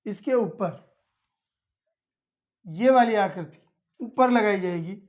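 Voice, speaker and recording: A woman's voice: medium pitch, lively intonation, slow, darkish tone, muffled recording. A woman teaching young children, explaining each step patiently and repeating it plainly. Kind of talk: slow step-by-step lesson for children.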